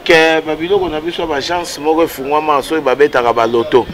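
A man's voice: a little high, quick pace. A man in his thirties with a Congolese accent, talking animatedly as an interview guest, outdoors by a wall. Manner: animated, gestures with hands, mixes Lingala and French. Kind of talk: casual interview.

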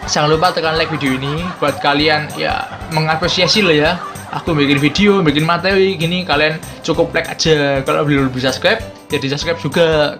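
Young man with unclear r and l. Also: a little high. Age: 20s. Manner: chatty, informal, addresses viewers as friends. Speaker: gaming YouTuber. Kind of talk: casual explainer to camera. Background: background music.

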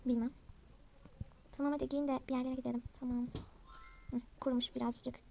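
High-pitched girlish narrator voicing dolls. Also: level tone, fairly quick, creaky, mellow, a little hiss or hum. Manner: voices several characters by herself, chatty. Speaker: channel host playing a dollhouse game. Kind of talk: playful role-play narration of a game.

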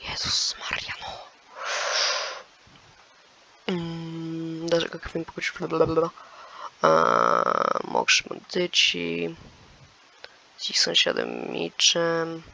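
Gravelly, bright-toned man reading quiz questions. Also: on the high side, expressive, takes it slowly, long pauses. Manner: reads questions aloud, then muses over answers. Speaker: gaming channel host. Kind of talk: casual quiz play commentary.

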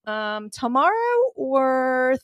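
A woman co-hosting a running podcast, chatting casually with lots of fillers and an animated way of talking. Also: high-pitched, takes it slowly, no echo, highs cut off. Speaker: podcast co-host, race organizer. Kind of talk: casual chat.

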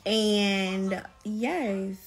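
A woman's voice: medium pitch, steady tone, very slow. A woman, chatting casually to viewers on a phone livestream. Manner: chatty, talks straight to viewers.

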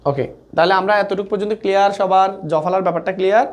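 A man teaches a live online class, and his voice sits a little higher than most men's. He coaxes his students along, repeats the key points and keeps checking that they follow. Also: steady tone, rapid-fire.

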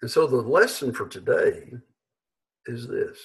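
Gravelly older man preaching at home. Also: mid-range voice, big pitch swings, rough recording. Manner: earnest, measured, with emphatic slowed phrases. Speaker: pastor. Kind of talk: sermon. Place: home living room. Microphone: webcam at desk.

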